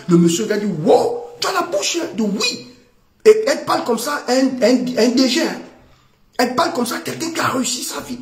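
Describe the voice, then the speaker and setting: High-pitched animated male preacher, echoey. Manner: animated, voices the people he quotes, repeats phrases for emphasis. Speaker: prophet preacher. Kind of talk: sermon.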